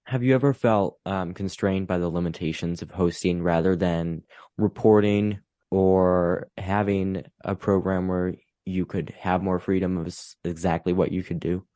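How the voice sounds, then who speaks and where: A man with a low voice hosts an interview and asks his questions in an easygoing, curious way. His sound is dry and close, with almost no room around it. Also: steady tone, a little slow, dark tone, dry recording. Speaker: podcast host, interviewer.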